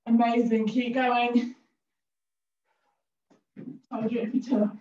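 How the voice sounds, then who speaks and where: A woman's voice: on the high side, level tone, slow, warm tone, slight background noise. A woman leading a cardio class, giving upbeat cues and countdowns while out of breath. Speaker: fitness instructor. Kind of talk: workout instruction with countdowns. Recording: roomy, distant and a bit dull.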